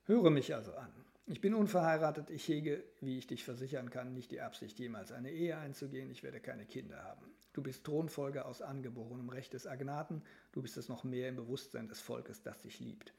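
A man's voice: mid-range voice, gravelly, mellow, close to an everyday voice. A man reading a weary, ailing grand duke. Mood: weary formal. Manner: formal, tired, measured.

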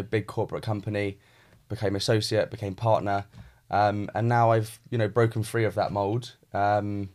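A British man chats casually as a podcast co-host. His voice is on the low side. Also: a little mellow. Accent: British English.

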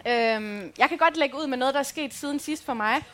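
High-voiced woman telling podcast anecdotes. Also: fairly bright tone. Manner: chatty anecdotal storytelling with many fillers. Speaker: podcast co-host. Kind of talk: live podcast storytelling.

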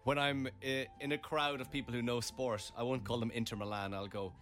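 A man's voice: medium pitch, fairly even intonation, a little fast, a bit bright, faint music behind. A man co-hosting a radio show in casual chat, playful and fond of saying words aloud.

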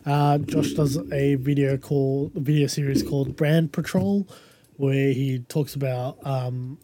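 A man's voice: mid-range voice, steady tone, a little slow, warm tone, slight background noise. A man hosting a casual podcast in a matey, teasing, bantering way. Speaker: podcast host.

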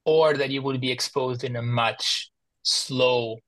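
Guy with albanian accent chatting on a podcast, pretty level pitch, dry recording. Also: fairly even intonation, takes it slowly, a bit bright, no echo, poor audio. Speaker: podcast guest. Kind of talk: casual interview talk.

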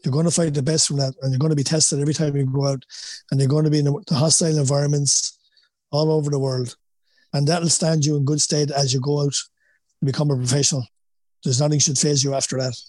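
Irish man with a Wexford accent, higher-pitched. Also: steady tone, brisk, a little mellow, dry recording. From Wexford, Ireland. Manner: peppers talk with "you know", emphatic repetition. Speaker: boxing coach, former boxer. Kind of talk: conversational interview answers, anecdotal.

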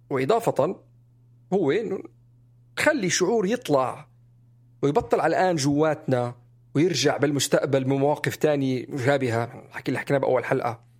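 Young male podcast co-host, animated and talkative, lively pitch. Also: breathy edge. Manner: animated, chatty, jumps up in pitch when stressing points. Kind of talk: casual conversational podcast.

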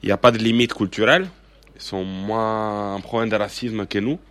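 Low-voiced man, emphatic. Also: steady tone, normal speed, fairly bright tone, dry recording. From Sardinia, Italy. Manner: emphatic, opinionated, with many hesitations. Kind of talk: radio interview conversation.

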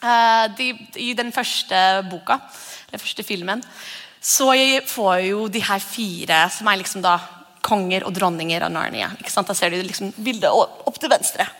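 A woman's voice: medium pitch, a bit bright. A woman pastor giving a conversational sermon and acting out whispered voices. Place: church hall. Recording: long church reverb.

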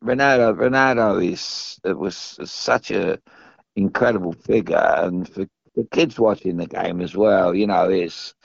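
Deep, gravelly older British man, halting. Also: dry recording. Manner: halting, repeats and restarts phrases. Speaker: former professional footballer, pundit. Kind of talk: casual football discussion. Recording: dull, dry close recording.

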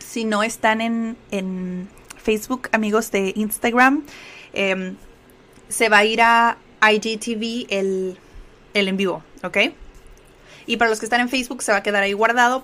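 A Mexican woman with a Mexican Spanish accent and a slightly high, somewhat bright voice teaches English in a chatty live lesson. She explains a lot and checks in with the audience often, using fillers like "¿ok?".

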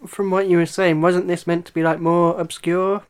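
A man's voice: sits high, little pitch movement, clear, resonant tone. Male co-host, easygoing, teasing casual chat voice. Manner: easygoing, teasing, quick to joke along. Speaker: podcast co-host.

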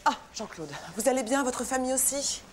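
A woman's voice: high-pitched, fairly quick, close to an everyday voice. A woman playing a stern office manager in a sitcom, sarcastic and cutting as she scolds an employee. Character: stern sarcastic female boss. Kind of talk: sitcom acting.

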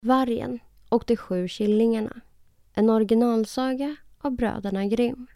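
A woman reading a fairy tale aloud in a calm, even storytelling voice. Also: on the high side.

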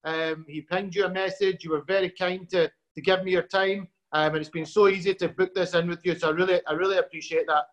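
A man hosting a casual sports interview, friendly and halting with lots of fillers. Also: high-pitched, fairly even intonation, dull audio. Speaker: host.

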